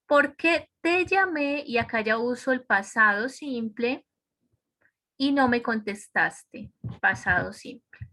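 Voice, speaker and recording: Bright-voiced teacher, slow and clear. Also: female voice, on the high side. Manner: explains step by step, checks with "¿cierto?". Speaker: English teacher. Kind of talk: online class lecture. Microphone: computer microphone on a video call.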